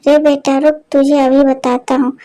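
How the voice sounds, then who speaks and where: A woman's voice: sits high, flat delivery, moderate pace, warm tone, lightly acted, poor audio. A woman voicing a sly, greedy male village thief who wheedles and pleads in a storybook tale. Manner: wheedling, pleading when caught.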